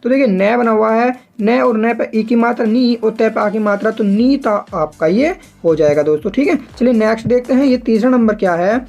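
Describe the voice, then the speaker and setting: A man's voice: high-pitched, normal speed, gravelly, few pauses, a little mellow, muffled recording. A man teaching shorthand step by step in a patient, repetitive way, often turning to the viewers as friends. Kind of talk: step-by-step tutorial explanation.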